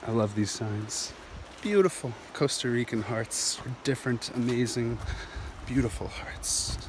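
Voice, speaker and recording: A man's voice: medium pitch, unhurried, a little hiss or hum. Rambling man vlogging on a jungle trail. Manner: enthusiastic, rambling, laughs often. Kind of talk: walking vlog narration. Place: outdoors on a steep jungle trail. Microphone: phone camera held at arm's length.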